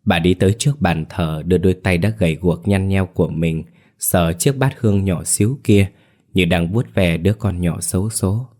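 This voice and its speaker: A man narrating a ghost story from a script, softly voicing each character. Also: deep voice, moderate pace.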